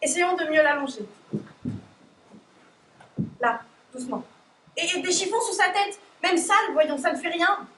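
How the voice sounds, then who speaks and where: A woman's voice: extremely high pitch, measured pace, pauses often, pushed and bright, a little hiss or hum, heavily acted. A teenage girl acting in a school stage play as a caring, motherly woman in charge, recorded from far off in an echoey hall. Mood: gentle. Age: teens. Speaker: high school stage actor.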